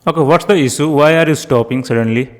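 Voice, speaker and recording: A man's voice: on the high side, quick pace, in a large hall. A man with an Indian accent, giving spoken commands to a voice app hesitantly, with fillers and self-corrections. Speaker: tech video host testing an app. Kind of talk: casual spoken prompts.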